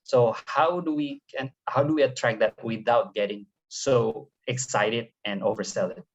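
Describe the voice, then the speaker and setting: A man's voice: medium pitch, fairly even intonation, moderate pace. A man taking part in an online training session, asking a question hesitantly and restarting his sentences. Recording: muffled online call audio.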